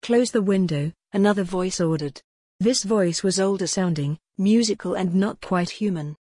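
A woman narrating a children's storybook in a steady, even reading voice, giving the characters quiet voices. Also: fairly low pitch, normal speed, no echo. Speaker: audiobook narrator.

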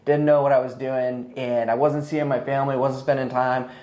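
A man's voice: mid-range voice, little pitch movement, normal speed, a little mellow. A man in his thirties speaking as a podcast guest in a casual, motivational conversational style. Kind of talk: casual motivational interview talk. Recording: echoey, roomy sound.

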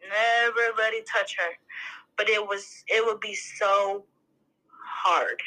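Young woman guest, bright edge to the voice, candid and emotional, rapid bursts. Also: medium pitch, fairly even intonation, poor audio. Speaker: podcast guest. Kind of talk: casual chat.

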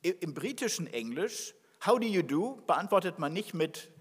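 Man, pastor, sermon, lively swinging delivery, acts out dialogue, church hall echo. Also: high voice, moderate pace, husky. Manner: animated, acts out dialogue in his telling. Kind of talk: sermon with scripture reading. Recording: long hall reverb.

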